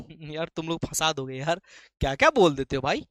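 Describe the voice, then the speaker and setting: A man's voice: on the high side, very animated, moderate pace, fairly bright tone, no room sound. A man teaching an English poem in a live online class, chatty and playful, calling students "beta".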